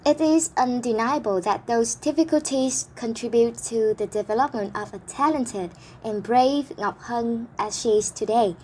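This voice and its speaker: A woman's voice: on the high side, normal speed, hardly any pauses, a little mellow, a little hiss or hum. A woman interviewer who asks careful, formal questions.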